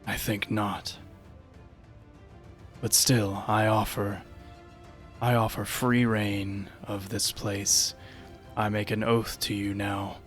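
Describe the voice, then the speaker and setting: An unearthly, menacing game creature, played by a man speaks in a low, very slow voice. The delivery is solemn and eerie, like a formal oath, over faint music. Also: flat delivery. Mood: ominous, solemn.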